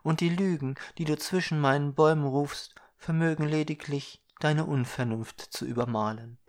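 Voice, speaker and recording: A man's voice: on the high side, steady tone, normal speed, lightly acted. A man voicing a radiant forest spirit woman who solemnly admonishes the listener.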